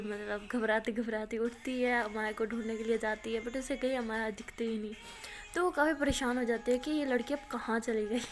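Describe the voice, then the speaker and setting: A woman telling a love story in a casual, chatty way, full of filler words. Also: on the high side.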